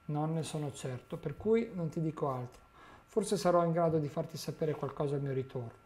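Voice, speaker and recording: A man's voice: a little high, fairly quick, a little mellow, close to an everyday voice. A man reading as an old male wizard who gives earnest warnings in a grave tone.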